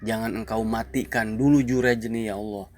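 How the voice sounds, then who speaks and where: A man's voice: on the low side, steady tone, moderate pace, a little mellow, a little hiss or hum, lightly acted. A man voicing an aggrieved mother who calls for her son and later prays bitterly against him, in a storytelling lesson. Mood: bitter prayer. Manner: calling out, then praying bitterly.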